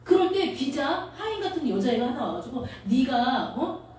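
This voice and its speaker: A woman's voice: high-pitched, very animated, fairly quick, darkish tone. Woman preaching in an echoey hall. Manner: conversational, storytelling with acted quotes. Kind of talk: sermon. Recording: echoey hall, distant mic, faint noise.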